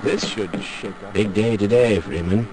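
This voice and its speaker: A man's voice: fairly low pitch, moderate pace, lightly acted. A man playing a curt, busy scientist in a game. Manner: curt and preoccupied. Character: busy, curt middle-aged male scientist.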